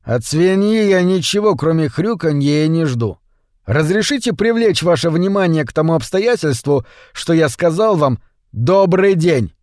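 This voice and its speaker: A man voicing a meek, plump little man who turns defiant, with a shrill voice and a pleading, blustering manner. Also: animated, moderate pace, a little mellow, no room sound, clean studio sound. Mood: indignant.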